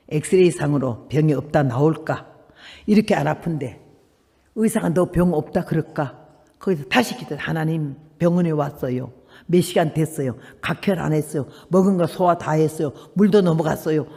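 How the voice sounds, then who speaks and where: An elderly woman in her eighties gives a testimony sermon as a missionary preacher, telling her story with lively, dramatic swings of voice as she acts out each person. Her voice carries a long reverb, as if ringing through a large hall. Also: creaky. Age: 80s. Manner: animated storytelling, acting out quoted people with big swings in pitch and loudness.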